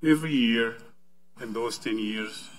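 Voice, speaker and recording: A man's voice: mid-range voice, a little slow, poor audio. A middle-aged man, a university dean, giving a friendly panel presentation seated at a table in a conference room.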